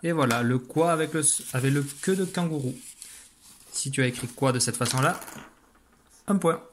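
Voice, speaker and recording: A man's voice: medium pitch, normal speed, a little hiss or hum. A man teaching young children in a recorded video lesson, giving patient step-by-step instructions as he writes on a slate.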